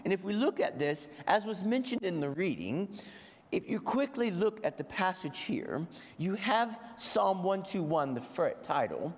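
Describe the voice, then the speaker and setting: This sermon comes from a man whose gravelly voice is high-pitched and sing-song, though a head cold clogs it. He repeats phrases for emphasis in a measured, deliberate way, and the recording carries the long reverb of an echoey hall where his congregation sits.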